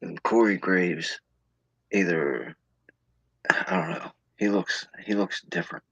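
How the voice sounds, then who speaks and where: A man's voice: sits low, slow, fairly bright tone, husky, dry recording, rough recording. A man co-hosting a casual podcast chat, talking in a rambling, laid-back way. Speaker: podcast co-host.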